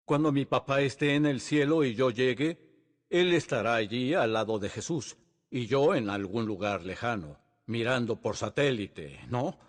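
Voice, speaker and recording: A man's voice: mid-range voice, lively intonation, measured pace, in a large hall. A male pastor preaching earnestly, often asking the congregation rhetorical questions. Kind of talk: sermon. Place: church sanctuary.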